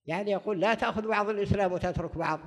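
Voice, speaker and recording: A man preaching a religious lesson, slowing to recite scripture and posing and answering his own questions. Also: high-pitched. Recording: long reverb hall.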